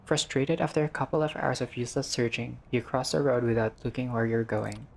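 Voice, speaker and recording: Speaking a little fast in a steady, mid-range voice, this player works through a visual novel casually, narrating its text with offhand comments. There's a bit of cursing and a stumble here and there, all captured on an obviously noisy recording.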